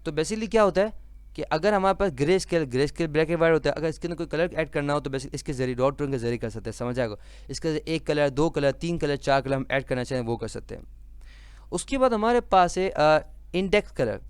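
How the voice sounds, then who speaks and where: A man records a software tutorial, talking through each step in a conversational way. His voice is smooth and resonant and sits a little high. The recording is close and dry, and he keeps stopping to ask whether his listeners have understood. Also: fairly quick, no echo. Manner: repeatedly checks understanding with a rhetorical question; conversational, with frequent fillers and restarts. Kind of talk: screen-recorded tutorial lesson.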